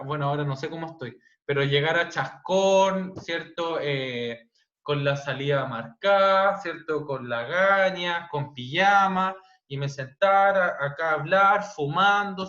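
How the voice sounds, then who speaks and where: A man with a Chilean accent teaching an online class, speaking loudly and checking in with tag questions. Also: a little high. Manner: loud, frequent "¿cierto?" tag questions. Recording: dull, roomy online-class audio.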